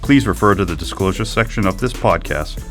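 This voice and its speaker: A man with a very low voice reads a legal disclaimer in a steady, formal tone. Faint music plays beneath him. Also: fairly quick. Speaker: disclaimer announcer.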